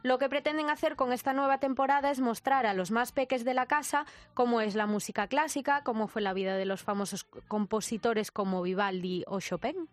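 A woman's voice: on the high side, fairly quick. A woman with a Spanish accent from Spain presenting a semi-scripted feature.

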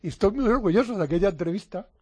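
A man's voice: sits high, rapid-fire, husky, no echo. An older man, a radio interviewer, telling stories animatedly in casual studio chat. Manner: animated storyteller.

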